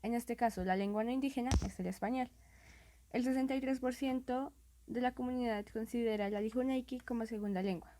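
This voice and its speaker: A woman reading informative narration in a steady way. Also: fairly high pitch, a little fast. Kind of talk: read narration.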